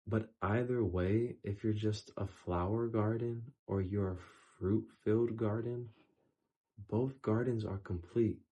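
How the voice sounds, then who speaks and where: A man talking in a casual faith-based vlog, earnest and emphatic, repeating words for stress, his voice going hoarse. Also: on the low side, steady tone, slow, dark tone. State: losing his voice. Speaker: YouTuber.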